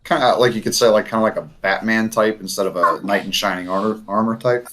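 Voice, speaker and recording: A man's voice: fairly low pitch, fairly even intonation, fast talker, fairly bright tone. A man chatting casually as a player in a tabletop game, rambling with many fillers and restarts.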